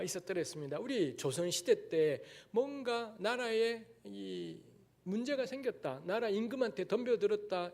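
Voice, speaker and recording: Speaking in a church sanctuary, a guest preacher from Daegu, South Korea, delivers a sermon in lecture style, talking bluntly and candidly and adding frank asides. His voice sits high and has a darkish tone.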